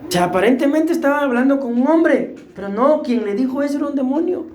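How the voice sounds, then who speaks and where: A woman preacher with a Costa Rican accent, delivering an animated, humorous sermon to a congregation. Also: high-pitched, quick pace. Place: church hall. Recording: echoey church hall.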